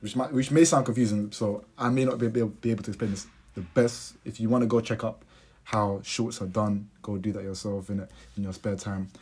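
A young man hosting a casual podcast in a London accent. His voice sits fairly low with a husky grain, and he talks informally in urban roadman slang. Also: fairly even intonation, fairly quick, a little mellow. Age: young adult. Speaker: podcast host. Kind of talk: casual chat.

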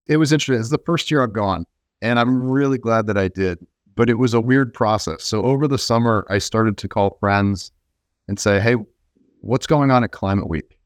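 Low-pitched man answering interview questions. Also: a little fast, no echo, studio quality. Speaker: interview guest, venture investor.

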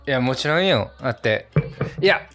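A man hosting a podcast in London, chatting casually and relaxed with lots of fillers. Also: medium pitch, moderate pace, soft background music. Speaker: host, izakaya owner persona. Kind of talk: casual chat.

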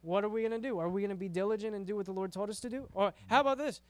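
Guy doing a youth sermon, high smooth voice, keeps saying right? and stumbling over words, dry close sound. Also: very fast, no room sound. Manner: conversational, repeats words, frequent "right?" tag questions. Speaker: youth pastor.

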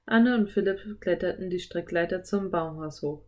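A woman narrating a children's audiobook in a clear, even storytelling manner. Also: on the low side, normal speed.

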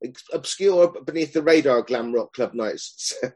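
A man in his fifties talks in a loose, rambling way, full of restarts and asides. He speaks at a middling pitch for a man, with an easygoing, self-deprecating tone. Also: expressive, normal speed, a little mellow. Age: 50s. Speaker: guest, club promoter and songwriter. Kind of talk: casual chat.

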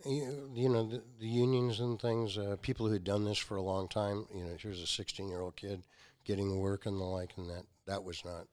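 With a fairly low pitch, this man talks fairly quickly and barely pauses. He's a founder in his sixties sharing stories as a guest, performing the quoted lines with lively flair.

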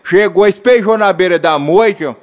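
Man doing a folksy old backcountry cowboy, high voice. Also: normal speed. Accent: rural Minas Gerais Portuguese. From northern Minas Gerais, Brazil. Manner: folksy drawling, lively pitch swings. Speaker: storyteller. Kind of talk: comic rural tall tale.

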